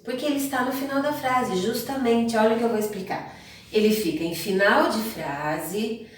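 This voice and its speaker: A woman's voice: mid-range voice, a little mellow. Woman teaching grammar in an echoey room. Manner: explanatory, repeats points, addresses students directly. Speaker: Portuguese teacher. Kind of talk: grammar lesson to students. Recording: echoey room, distant mic.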